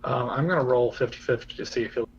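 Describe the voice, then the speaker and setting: A man's voice: medium pitch, fast, breathy edge. Laid-back man running a game. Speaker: game master. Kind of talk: running a tabletop game over voice chat. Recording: dull lo-fi with faint hum.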